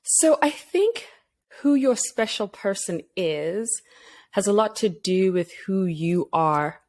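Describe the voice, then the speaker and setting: Chatting warmly as a guest on a podcast, this woman from Zimbabwe laughs easily and comes across as slightly tired. She talks slowly in a mid-range, somewhat mellow voice with lively intonation, in a casual interview setting.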